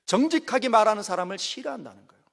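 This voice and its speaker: A middle-aged pastor with a high, animated voice, preaching a sermon. He lurches from ringing exclamations to quiet, low asides. His voice trails into a long church reverb. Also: rapid-fire, gravelly. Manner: dramatic, swings between loud exclamations and hushed low asides. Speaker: senior pastor. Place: church sanctuary.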